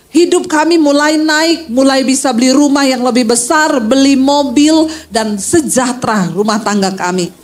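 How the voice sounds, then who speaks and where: High-voiced woman pastor telling a story. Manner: animated, acts out quoted voices, addresses the crowd directly. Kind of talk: storytelling sermon. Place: outdoor field gathering.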